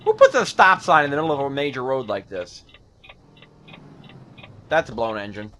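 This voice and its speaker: A man's voice: mid-range voice, very animated, moderate pace, bright, forceful tone, a little hiss or hum. A man casually commentating his own gameplay in a jokey, punning, chatty way. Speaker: gaming video host. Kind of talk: casual let's play commentary.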